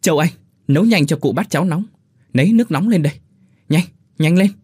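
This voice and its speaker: A man voicing a kind young fisherman who shouts orders urgently and pleads tearfully, with a husky voice. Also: medium pitch, sing-song, measured pace, no echo, clean studio sound.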